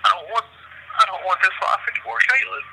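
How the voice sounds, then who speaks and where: Young man, despairing, over a crackly jail payphone with a gravelly voice. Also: sits high, fast. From Southwest Virginia. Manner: despairing, pleading. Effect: collect call from a jail payphone. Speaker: inmate calling a reporter. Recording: noisy, tinny jail phone line.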